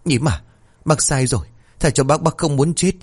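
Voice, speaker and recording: A man's voice: a little high, normal speed, slightly rough, pitched above the performer's own voice. A man voicing a terrified older village woman who stammers and pleads for her life in a horror story.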